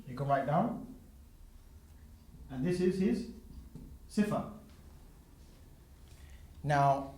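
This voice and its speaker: A man's voice: medium pitch, darkish tone. A man teaching a class, explaining terms step by step and checking in with students by asking "yeah?". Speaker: religious teacher. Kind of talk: classroom lecture.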